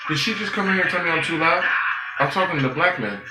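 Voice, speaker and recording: A man's voice: lively intonation, quick pace. Profane preachy man, roomy echo. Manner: profane and preachy, swinging between loud outbursts and low muttering. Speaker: vlogger. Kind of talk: unscripted street-talk monologue. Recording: roomy, with music playing behind.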